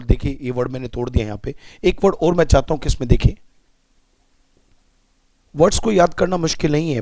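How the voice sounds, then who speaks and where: A man's voice: mid-range voice, warm tone, no echo. Indian man teaching English vocabulary. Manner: explains words step by step, asks students to repeat. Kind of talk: vocabulary lesson.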